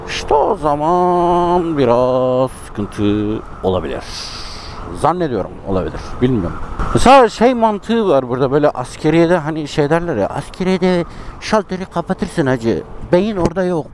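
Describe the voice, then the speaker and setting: A Turkish motovlogger with a slightly high, somewhat mellow voice rides his motorbike through city traffic, chatting casually with his viewers. He muses aloud and talks to himself about the road, with faint road and engine noise in the background.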